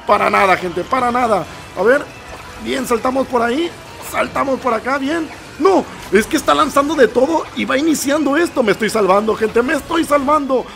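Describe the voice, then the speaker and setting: High, gravelly gamer man. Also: normal speed, faint music behind. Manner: excitable, nervous reactions, keeps addressing viewers as "gente". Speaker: gameplay commentator. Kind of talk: excited let's-play commentary.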